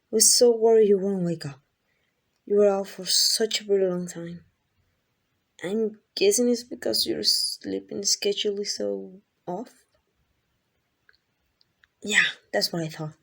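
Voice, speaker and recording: Speaking unhurriedly and pausing often, this woman has a gravelly, medium-pitched voice. Her intimate ASMR roleplay casts her as a possessive, lovesick female kidnapper whose doting, teasing talk is coaxing and rambling, full of flustered, hesitant asides.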